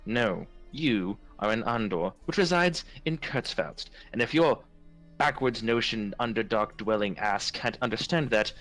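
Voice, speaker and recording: A man's voice: on the low side, animated, a little slow, fairly bright tone, faint music behind. A man voicing a haughty, cold noble official in a tabletop game who talks down to others with contempt. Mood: scornful. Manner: contemptuous, insulting tirade.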